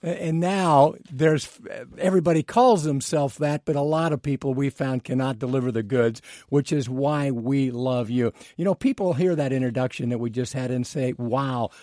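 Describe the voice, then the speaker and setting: A man's voice: mid-range voice, moderate pace, few pauses, dark tone, dry recording, studio quality. A man co-hosting a radio talk show, introducing and interviewing a guest with enthusiasm. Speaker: radio co-host.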